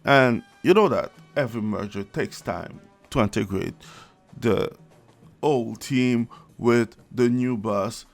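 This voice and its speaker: Creaky, sarcastic male commentator. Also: medium pitch, slow pace. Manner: blunt, sarcastic, swears freely, laughs mid-sentence. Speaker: video commentator. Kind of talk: casual opinion commentary. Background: background music.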